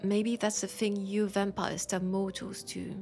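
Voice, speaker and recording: Faint music plays behind a woman with a French accent voicing a mortal bookseller, warm, gently teasing, and worried, who cares for a vampire, in an intimate roleplay. Her voice is medium-pitched, gravelly, and level in tone, and she speaks softly, hesitantly, and slowly with pauses, sounding tender and worried.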